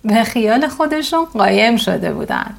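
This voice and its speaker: A woman narrating a bedtime story for children, reading in a gentle, expressive storybook way. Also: a little high, vocal fry.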